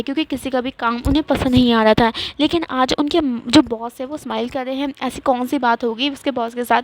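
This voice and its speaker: A woman narrates a fan-written romance story in an easygoing, chatty manner. Her voice sits fairly high, and she often pauses on fillers and corrects herself mid-sentence. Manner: conversational, many fillers and self-corrections. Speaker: fanfiction storyteller.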